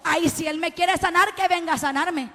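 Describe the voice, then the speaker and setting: A woman preacher delivering a live sermon with passion, rising to shouts and calling out to the congregation. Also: extremely high pitch, moderate pace. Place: church sanctuary. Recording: live church recording with long reverb and faint music.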